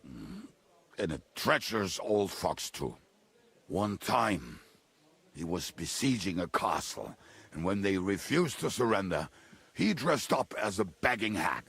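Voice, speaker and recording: Casting: blackout-drunk medieval henchman in a game, gravelly and bitter, with big swings in pitch. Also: big pitch swings, unhurried, fairly bright tone, exaggerated voice. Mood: amused, nostalgic. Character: drunken, gruff, bitter male robber and henchman. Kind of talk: video game dialogue acting.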